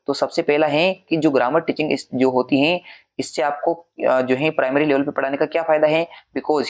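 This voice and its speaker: A male teacher giving an exam revision lecture, reading each English point slowly and then explaining it in Hindi. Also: medium pitch.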